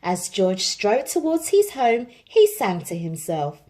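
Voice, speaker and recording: A woman reads a children's picture book aloud as an expressive storyteller. Her voice is mid-range and her pace is slow.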